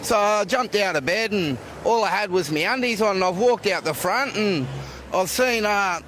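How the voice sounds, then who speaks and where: A man's voice: high-pitched, lively intonation, moderate pace, fairly bright tone. A man with a broad Australian accent telling a casual, matey anecdote as an eyewitness in a live interview. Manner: laid-back, colloquial, matey. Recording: faint outdoor street noise.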